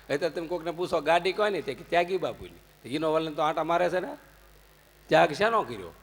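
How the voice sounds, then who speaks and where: Jokey Gujarati male storyteller, fairly high voice, long hall reverb. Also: brisk, husky. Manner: jokey, anecdotal, animated swings into loud punchlines. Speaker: religious storyteller. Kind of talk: humorous religious discourse.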